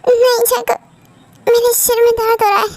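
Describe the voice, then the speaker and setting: Young wistful wife, voiced by a woman, very high pitched, soft pleading tone, amateur fan dub. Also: monotone, normal speed, a little hiss or hum.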